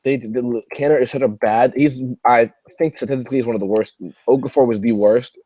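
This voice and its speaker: A man's voice: medium pitch, fairly even intonation, fairly quick, dark tone, no room sound. A young man in his twenties chatting casually about sports, blunt and offhand.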